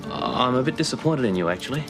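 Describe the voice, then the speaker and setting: An actor playing a blunt, proud older Australian man in a television soap, speaking plainly and haltingly. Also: medium pitch, very animated. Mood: apologetic. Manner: halting, gruff, plain-spoken. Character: blunt, stubborn, proud but good-hearted older bloke. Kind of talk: television soap drama acting. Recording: TV soundtrack with music underneath.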